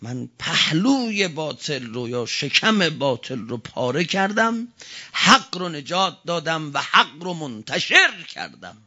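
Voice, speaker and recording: A man's voice: on the high side, very animated. Male cleric preacher, fiery sermon, dull lo-fi sound. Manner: fiery oratory, swinging from quiet to shouting; chants Arabic quotations slowly. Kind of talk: religious sermon.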